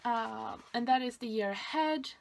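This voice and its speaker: A young Swedish craft vlogger with a Swedish accent does a casual show-and-tell, talking hesitantly through a craft album with many fillers. Her voice is fairly high and gravelly, a little slow, with slight background noise.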